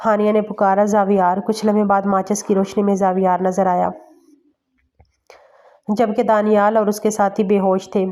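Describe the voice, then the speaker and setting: Woman narrator for dramatic story readings, mellow, very little pitch movement. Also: level tone, long pauses.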